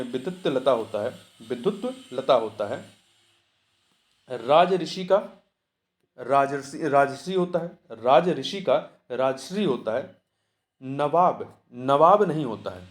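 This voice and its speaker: A man working through the answers of a Hindi exam practice test as tutor, asking questions and then answering them himself, going over each answer step by step. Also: on the high side. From India.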